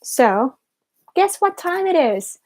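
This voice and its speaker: Quiet late-night woman, slow-paced. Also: very high-pitched, very animated. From Japan. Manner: quiet, hushed late-night talk so as not to wake a sleeper. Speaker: live streamer. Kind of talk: casual live-stream chat. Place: small room in a tiny two-room home.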